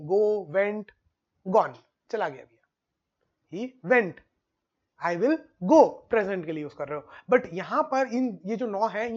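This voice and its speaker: A male teacher giving an online exam-prep lesson, drilling word forms in a steady rhythm and often checking that students follow. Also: high voice, lo-fi sound.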